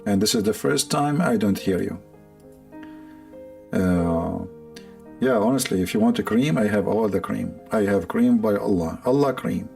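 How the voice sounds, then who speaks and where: A man's voice: on the low side, animated, normal speed, creaky, mellow, soft background music. A man with an Arabic accent, a livestream host rambling in a sarcastic, joking way and laughing often. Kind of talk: casual joking monologue.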